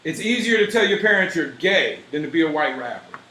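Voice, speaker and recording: Male radio host, higher voice, roomy sound, provocative and needling. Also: animated, brisk, background noise. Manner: sarcastic, needling, keeps pushing back. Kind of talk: provocative interview banter. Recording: roomy studio echo.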